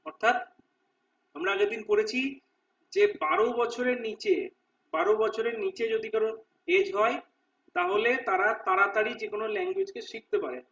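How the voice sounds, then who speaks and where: A man teaching exam preparation, reading English answer options slowly and explaining them, often checking "okay?" with listeners. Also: high voice, expressive, a bit bright, far from the mic, highs cut off. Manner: reads English options slowly, explains in Bengali with repeated "ঠিক আছে?". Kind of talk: Bengali lesson walking through multiple-choice questions.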